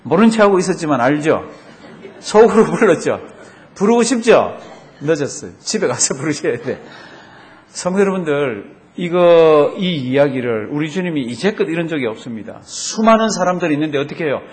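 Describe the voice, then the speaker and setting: A man's voice: a little high, big pitch swings, normal speed. A male pastor preaching a sermon to his congregation, asking them rhetorical questions and drawing out the Bible verses he quotes.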